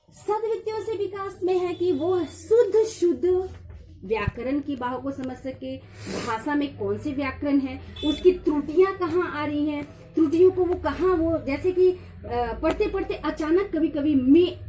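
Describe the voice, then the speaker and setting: A middle-aged woman lecturer giving a revision lecture, explaining step by step and slowly repeating key phrases. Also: very high voice, noisy background. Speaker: college lecturer.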